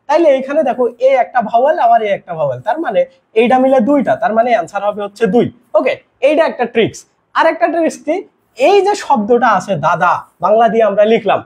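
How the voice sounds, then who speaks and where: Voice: medium pitch, darkish tone. A teacher gives a live online grammar class in a casual style, mixing in English words and posing questions they answer themselves. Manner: asks quiz questions and answers them.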